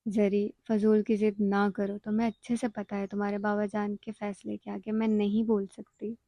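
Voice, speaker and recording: A woman voicing a worried, gentle middle-aged mother who coaxes her daughter slowly. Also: medium pitch, level tone, dry recording, natural voice. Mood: coaxing.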